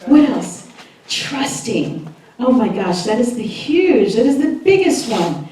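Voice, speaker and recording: A woman minister giving a chatty, lively sermon and laughing often as she talks with the congregation. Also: a little high, slow pace. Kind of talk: sermon with audience interaction. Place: church hall. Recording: echoey hall, voice from far off.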